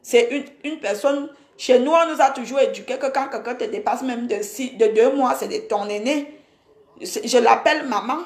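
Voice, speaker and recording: In an echoey room, a Cameroonian woman in her forties, a social media personality, rants indignantly at a rival on an angry Facebook live. Her voice is a little high and her pace normal as she scolds and repeats herself.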